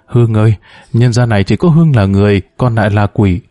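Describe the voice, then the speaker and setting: A man's voice: lowish voice, quick pace, mellow, dry recording, studio quality, natural voice. A man reading a story, voicing a distraught, grieving woman with a pleading, sobbing manner. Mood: anguished. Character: distraught grieving middle-aged woman, desperate mother.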